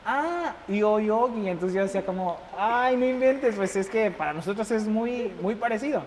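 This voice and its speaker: A young Mexican man with a Mexican accent, chatting casually as an interview guest and telling stories with lively acted-out dialogue. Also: high voice, fairly quick. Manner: animated, acts out quoted dialogue, laughs often. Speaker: embassy chef, interview guest. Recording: reverberant room with faint noise.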